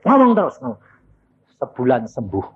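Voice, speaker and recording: A man preaching a sermon, telling testimony stories in an animated way and acting out the voices of the people in them. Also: medium pitch, normal speed, husky. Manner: animated storytelling, acting out voices, shouting punchlines. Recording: tinny phone-like sound with faint noise.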